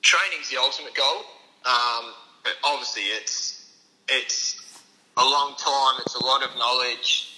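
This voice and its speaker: An Australian man answers interview questions casually, in a strikingly bright, sharp voice. His pitch sits in the middle for a man. His way of talking is informal and understated, that of a working strapper. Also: measured pace, poor audio. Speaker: racehorse strapper, interview guest.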